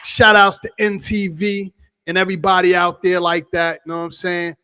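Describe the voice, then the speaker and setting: High, bright-voiced man giving shout-outs. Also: level tone, normal speed, a faint crowd, a little hiss or hum. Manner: exuberant, slangy, calls out shout-outs. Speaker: vlog host. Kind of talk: casual shout-out vlog.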